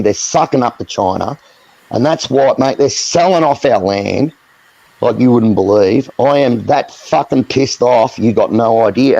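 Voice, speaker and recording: A man's voice: medium pitch, gravelly, a little mellow, lo-fi sound. An Australian man in a heated live chat, ranting angrily with lots of swearing. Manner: angry, profane, ranting.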